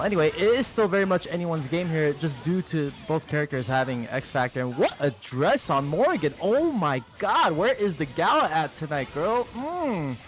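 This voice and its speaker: A man in his thirties doing casual, crude, joking commentary on a fighting game tournament stream. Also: fairly high pitch. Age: 30s. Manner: joking, crude, playful banter.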